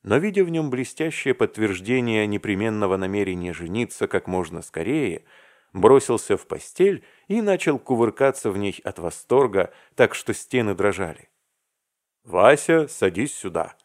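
Male audiobook narrator, low voice, lively intonation, measured literary reading. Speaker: audiobook reader.

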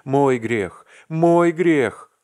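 A man's voice: fairly low pitch, lively intonation, normal speed. A man reading aloud and voicing a meek young clerk, delirious and heartbroken, who pleads in an anguished, half-whispered voice. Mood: grief-stricken.

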